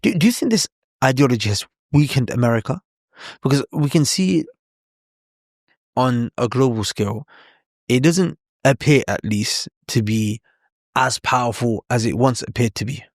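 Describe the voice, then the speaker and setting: A male podcast host asks questions casually, circling a point with fillers before landing it. His voice sits at an ordinary pitch. The sound is dry. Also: normal speed, no echo. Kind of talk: interview.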